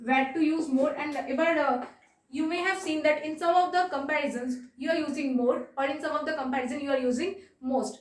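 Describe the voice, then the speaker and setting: Woman teacher, high voice, patient and repetitive, echoey room, mic at a distance. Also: steady tone. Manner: patient, repeats points and checks in with quick questions. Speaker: exam-prep English teacher. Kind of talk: bilingual grammar lesson.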